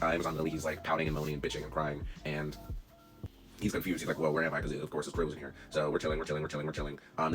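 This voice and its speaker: A young man rambling casually in slang about an anime, talking into a phone he holds, with the clip sped up to double speed. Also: a bass voice. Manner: slangy, rambling, self-interrupting. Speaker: anime commentary vlogger. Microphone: phone held in hand.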